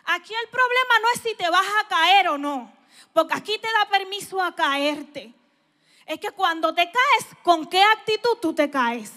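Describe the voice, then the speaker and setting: A woman, a psychologist giving an emphatic church talk that swings from loud appeals to hushed asides. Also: extremely high pitch, lively intonation, measured pace. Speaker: psychologist speaking to a church audience.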